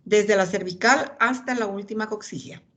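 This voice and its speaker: A woman's voice: mid-range voice, moderate pace, a bit bright. A woman lecturing anatomy, pointing out images and calling on students by name.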